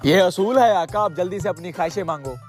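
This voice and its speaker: Man doing a high-voiced cartoon genie. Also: fast talker, over loud music, close to an everyday voice. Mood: hurried. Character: blue magic genie, eager male servant. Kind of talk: cartoon voice acting.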